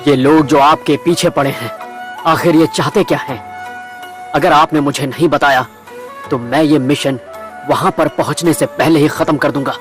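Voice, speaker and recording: An actor dubbing a calm adult ninja team leader in an anime, questioning firmly. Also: male voice, fairly high pitch, moderate pace, faint music behind, close to an everyday voice. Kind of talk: anime dub acting.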